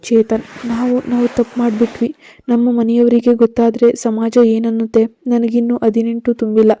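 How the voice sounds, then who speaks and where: A frightened teenage girl speaks in an anxious, pleading way, as a woman reads her aloud. The voice is fairly high, dark and mellow, with little rise and fall. The recording is dry and slightly muffled. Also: monotone, normal speed, dry recording, natural voice. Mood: tearful.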